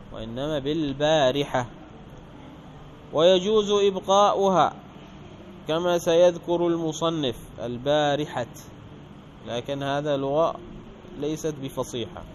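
Guy teaching a grammar lesson, kinda high voice, reads the text then explains, faint hum behind. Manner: slows down and stresses example words.

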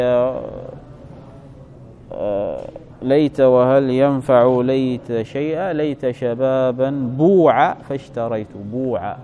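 A man's voice: fairly high pitch, darkish tone, a little hiss or hum. A man teaching grammar, reading out a text and then explaining it line by line, often checking that the listener follows. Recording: dull lo-fi recording.

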